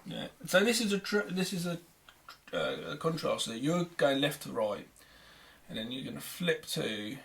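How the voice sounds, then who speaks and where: A man's voice: on the high side, expressive, moderate pace, creaky, fairly bright tone. A man talking casually through a film commentary as its director, rambling and laughing often.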